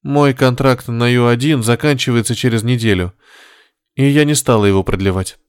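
A man voicing a guilt-ridden woman officer who speaks softly and apologetically. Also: medium pitch, normal speed, clear, resonant tone, no echo, studio quality, lightly acted. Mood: apologetic. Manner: soft and apologetic.

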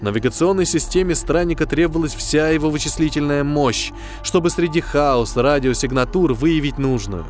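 A man's voice: on the high side, normal speed, few pauses. A man reading dramatic science fiction narration as an audiobook narrator. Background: faint music.

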